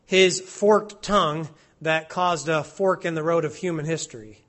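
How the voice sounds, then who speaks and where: Guy preaching slow and careful, hits every word, pretty high clear voice. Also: a bit bright. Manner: slow and deliberate, stressing each word, reads Hebrew and Latin aloud. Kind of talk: expository sermon.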